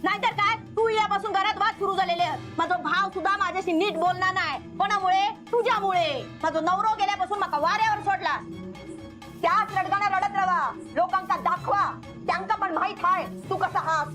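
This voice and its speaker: An actress playing a sharp-tongued village wife in a TV drama, scolding and arguing. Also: female voice, fairly quick, over music. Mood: angry. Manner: shrill, scolding, argumentative. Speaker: quarrelling family woman. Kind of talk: TV drama acting.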